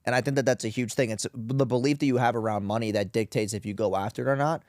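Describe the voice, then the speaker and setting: A man's voice: medium pitch, steady tone, fast talker, a little mellow, no room sound, clean studio sound. A man who is a guest on a podcast, talking bluntly and casually, swearing and calling his host dude and bro. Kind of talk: casual interview chat. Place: podcast studio in Las Vegas.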